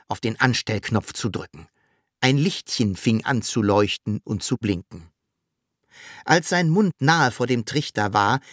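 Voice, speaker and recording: Children's audiobook narrator, unhurried and very animated, dry close sound. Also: medium pitch, no room sound. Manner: lively, expressive storytelling.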